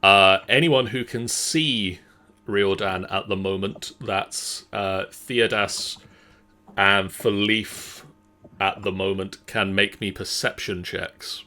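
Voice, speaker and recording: A man narrating a tabletop game casually as game master, describing things in halting, measured phrases. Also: fairly low pitch, fairly even intonation, bright, forceful tone.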